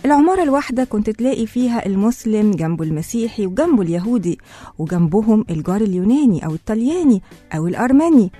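A woman's voice: mid-range voice, dark tone, no room sound. A woman radio host with an Egyptian accent, telling a tale in the manner of a traditional storyteller. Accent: Egyptian Arabic. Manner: storyteller opening a folk tale. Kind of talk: radio monologue told like an old tale.

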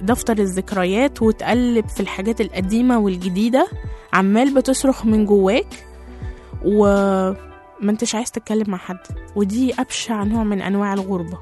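A woman with an Egyptian Arabic accent hosting a radio show, slightly hoarse after a cold, chatting casually with many fillers. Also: mid-range voice, steady tone, a little fast, faint music behind. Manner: chatty, warm greetings to listeners, many fillers. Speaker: radio host.

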